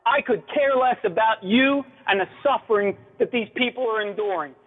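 A man's voice: sits high, normal speed, breathy edge. Angry man calling in over a tinny phone line. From New Jersey. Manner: angry, urgent, indignant complaint. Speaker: radio show caller.

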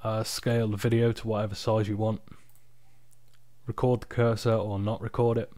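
Male, low-pitched, tired, casual screen-recording walkthrough, unpolished and informal, dry close sound. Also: flat delivery, normal speed, warm tone, dry recording. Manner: informal, unpolished, off-the-cuff explaining. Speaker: software tutorial presenter. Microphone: external microphone, close and dry.

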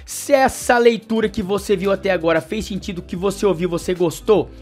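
This astrology host, speaking with a Brazilian Portuguese accent, reads the daily horoscope and makes a sales pitch for his services, addressing the listener warmly and upbeat. He talks a little fast in a darkish tone, with faint music in the background.

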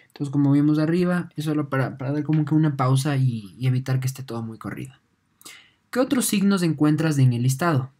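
Teacher, mellow voice, patient and halting, checks in with "no?". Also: mid-range voice. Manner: patient, often ends points with a questioning "no?"; halting, repeats words while thinking. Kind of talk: online lesson explaining on screen.

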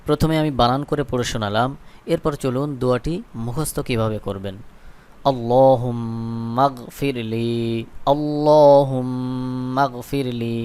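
A man with a Bangladeshi Bengali accent teaching a recitation lesson. He spells out syllables and then chants them slowly for learners to repeat. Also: mid-range voice. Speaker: Quran teacher.

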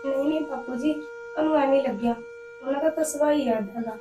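A troubled young wife, played by a woman, with a high, soft voice and a Punjabi accent, reassuring while she holds back tears. The sound is roomy and heard from a little way off the mic, with soft music underneath. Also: fast, distant mic, close to an everyday voice. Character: troubled young wife hiding her pain. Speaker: married daughter. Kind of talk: short film drama acting.

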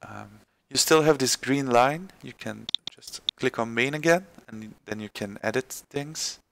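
A man presenting a screen-recorded software tutorial, halting with many fillers and restarts. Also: medium pitch, vocal fry, noisy background.

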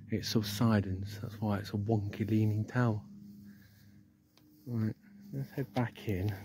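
A man's voice: on the low side, a little mellow, slight background noise. An English man investigating a haunted church, calling out to spirits and remarking on the building, filmed on a handheld phone. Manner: calls out firmly to spirits, then muses plainly. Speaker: paranormal investigator. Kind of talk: ghost-hunting commentary. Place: outdoors in a churchyard and inside a church porch. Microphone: handheld phone camera.

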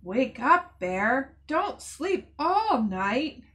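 A woman's voice: medium pitch, expressive, very slow, slight background noise. Woman reading as an eager little boy owl. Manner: calling out loudly, pleading. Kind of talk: children's picture-book read-aloud.

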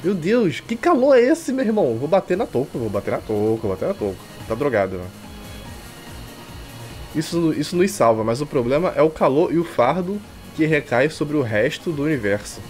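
A Brazilian streamer voices a visual novel with irreverent, slangy asides, game music running underneath. His voice sits on the high side with big pitch swings, slightly mellow, at a normal speed.

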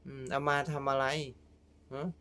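A man's voice: medium pitch, completely flat delivery, a little slow, bright, forceful tone, clean tone. A man delivering a casual, heated, scolding monologue to his fans. He is crude and keeps adding repeated filler tags. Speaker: online commentator addressing his fans.

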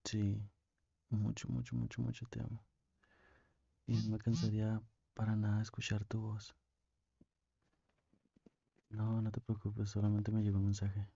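Man playing a very mellow Mexican boyfriend, ASMR role-play. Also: lowish voice, monotone, vocal fry, no echo, dull audio. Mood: tender, devoted. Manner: tender, slow, intimate, with pauses. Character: affectionate young boyfriend on a phone call, tender and lovesick. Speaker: ASMR performer.

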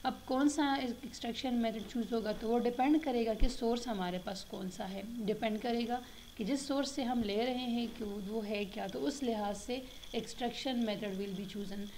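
Woman, gravelly voice, slide lecture, slow English reading then mixed-language explanation, faint background hiss. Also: a little high, a little mellow, rough recording.

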